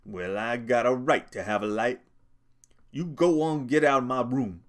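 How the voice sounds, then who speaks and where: A man plays a proud, aloof, older stable hand in a storybook reading. His words come out sharp and curt, guarded and resentful. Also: mid-range voice, normal speed, lightly acted. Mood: hostile.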